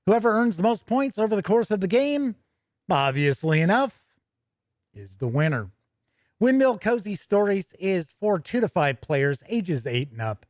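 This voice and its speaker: Hosting a tabletop gaming news livestream, this man chats and reads news in a conversational way, full of casual asides and self-corrections. His high voice swings widely in pitch at an unhurried pace. The studio recording is clean, with no room sound.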